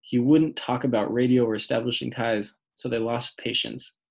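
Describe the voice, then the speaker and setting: A man reading an audiobook voices a guarded middle-aged uncle who speaks warily in a gravelly voice. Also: mid-range voice, flat delivery, normal speed, close to an everyday voice. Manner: guarded, clipped.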